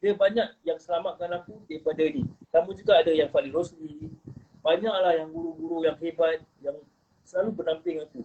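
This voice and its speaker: A man's voice: a little high, expressive, brisk. A man telling his life story in an earnest, rambling way, dropping in English phrases. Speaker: guest. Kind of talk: casual personal testimony. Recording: muffled recording with faint noise.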